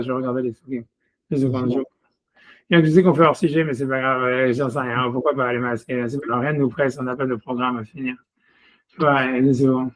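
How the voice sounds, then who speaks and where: A rabbi leading a casual one-on-one text study over a video call. He talks in a chatty way, fills nearly every phrase with "you see", and reads scripture aloud in Hebrew. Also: mid-range voice.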